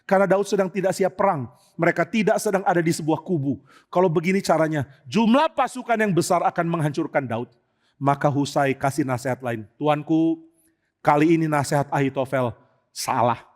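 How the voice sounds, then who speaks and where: A man's voice: on the high side, brisk. A male pastor giving a sermon and telling a Bible story vividly and with animation.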